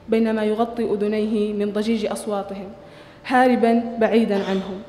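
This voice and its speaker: Mellow-voiced woman reading a story in a hall. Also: medium pitch, slight background noise. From Saudi Arabia. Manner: measured, expressive storytelling with occasional restarts. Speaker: short-story writer reading her story. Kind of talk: reading a short story aloud at a literary evening. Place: hotel function hall. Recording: long reverb of a large hall.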